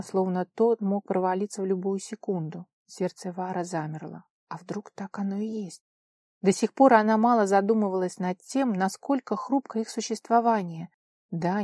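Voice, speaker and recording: A woman narrating a fantasy audiobook in a measured, expressive voice pitched a little low. The recording is dry and close. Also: no room sound.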